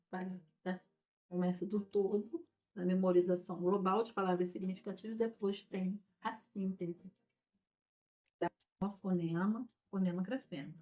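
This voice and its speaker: A woman teacher explaining a lesson patiently, often checking in with her listeners as she goes. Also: mid-range voice. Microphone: recorded without a microphone. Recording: dull lo-fi sound without a microphone.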